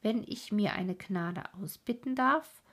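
A woman's voice: mid-range voice, slow pace, fairly bright tone. A woman whispering a courteous young prince. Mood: earnest. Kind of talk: whispered role-play.

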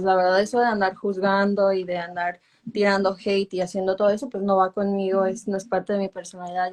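A woman's voice: mid-range voice, darkish tone, poor audio. A woman in her twenties, a singer talking casually in an interview in Spanglish, dropping English filler words into her Spanish. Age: 20s. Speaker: urban music singer being interviewed.

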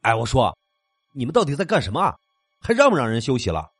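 A man's voice: medium pitch, huge pitch swings, fairly quick, dry recording, studio quality, faint music behind. A man voicing an angry young male tenant who scolds his noisy neighbor in a horror story. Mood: exasperated.

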